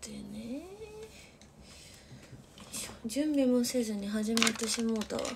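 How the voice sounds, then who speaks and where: On a late-night stream from her bedroom, a young woman chats in a slightly high, fairly even voice, unhurried and with vocal fry, against heavy background noise. Her manner is chatty and soft, punctuated by frequent whispers and laughter.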